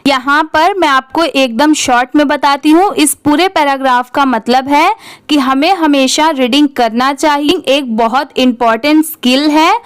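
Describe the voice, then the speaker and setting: Indian lady english teacher, spells stuff out letter by letter, really slow, highish voice. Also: no echo. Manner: patient, spells words letter by letter and asks questions; reads English text very slowly, word by word. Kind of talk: slow spelled-out reading lesson.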